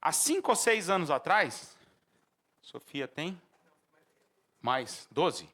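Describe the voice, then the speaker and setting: Man, Brazilian Portuguese accent, pastor's sermon, bright and forceful, fairly high voice, sudden loud outbursts. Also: slow. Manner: preaching with animated outbursts and acted-out shouts.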